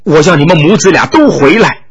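A man's voice: fairly high pitch, animated, brisk, breathy edge, highs cut off. A male storyteller voicing a scheming middle-aged official who coaxes and pushes his estranged wife to come home. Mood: wheedling. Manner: coaxing, pushy pleading.

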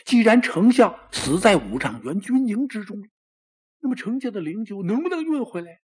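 Dramatic male storyteller with a husky voice. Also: very animated, moderate pace, darkish tone. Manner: dramatic, exclamatory, with lots of pitch swings. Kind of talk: traditional Chinese storytelling.

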